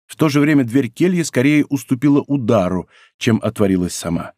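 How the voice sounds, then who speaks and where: A man narrating a classic adventure novel as an audiobook, in an expressive, theatrical manner. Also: medium pitch, fairly quick, no echo, studio quality.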